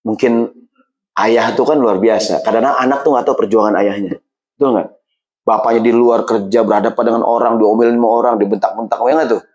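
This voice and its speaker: A man preaching a casual sermon in a mosque. He talks in lively slang and jumps high in pitch when he quotes other people. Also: quick pace, poor audio.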